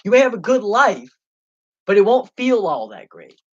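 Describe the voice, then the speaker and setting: A man's voice: sits high, very animated, normal speed. A young man hosting his own livestream, ranting passionately and angrily with lots of swearing. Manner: passionate, profane and heated. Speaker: livestream host. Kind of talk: unscripted livestream rant. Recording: dull lo-fi stream audio.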